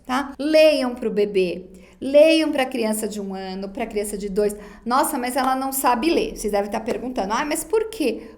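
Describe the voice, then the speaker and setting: Woman lecturer, high voice, didactic, talks straight to her students, recorded online class. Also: darkish tone. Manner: didactic, addresses students directly, acts out parents' baby talk. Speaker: psychology lecturer.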